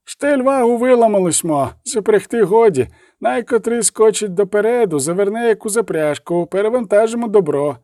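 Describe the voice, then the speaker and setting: A man voicing a rough wagon driver who shouts in rustic dialect. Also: sits high, lively intonation, normal speed, few pauses, no echo, clean studio sound, pitched above the performer's own voice. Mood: urgent.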